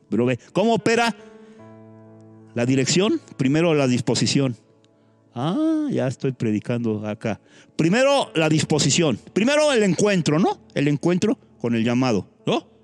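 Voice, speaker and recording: Male pastor, fairly high voice, lively preaching with quick pitch jumps and off-the-cuff asides, soft music bed underneath. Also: no echo. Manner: thinks aloud with restarts and asides. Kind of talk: sermon.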